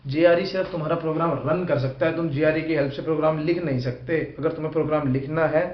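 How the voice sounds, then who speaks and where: Guy teaching coding, super casual and chatty, bit high voice, echoey room. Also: steady tone, quick pace. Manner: chatty and informal, addresses students directly. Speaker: programming teacher. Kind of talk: casual Hindi lecture mixing English terms. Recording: echoey room, dull lo-fi sound.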